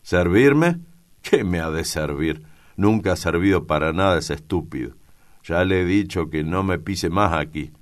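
A man's voice: extremely low pitch, expressive, measured pace, heavily acted. A man doing a blustering old ranch father. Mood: vehement. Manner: blustering, insistent. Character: gruff, vehement old ranch-owner father. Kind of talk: audiobook character voice.

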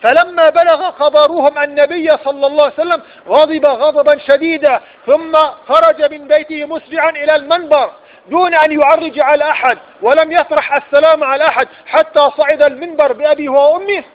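High-voiced Egyptian preacher, lo-fi. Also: male voice, fairly even intonation, fairly quick. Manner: rhetorical questions, emphatic repetition. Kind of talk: religious lecture. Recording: dull lo-fi recording.

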